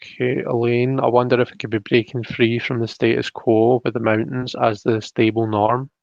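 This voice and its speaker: On a muffled, roomy home live-stream, the host of a live tarot reading show chats casually in a tentative, apologetic manner. His medium-pitched voice is creaky and darkish, with a level tone and moderate pace.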